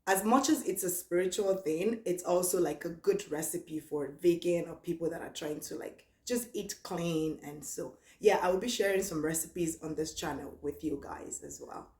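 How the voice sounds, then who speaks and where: Young woman, Nigerian accent, lowish voice, relaxed chatty vlog talk, echoey room. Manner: chatty and relaxed, reads questions aloud slowly. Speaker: vlogger. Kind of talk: casual Q&A vlog.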